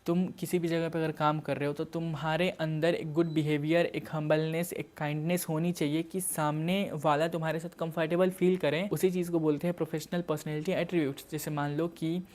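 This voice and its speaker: A man's voice: a little high, flat delivery, a little fast, few pauses, darkish tone. A young man giving a casual exam-prep lecture, explaining terms with everyday examples and mixing in English words. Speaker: teacher.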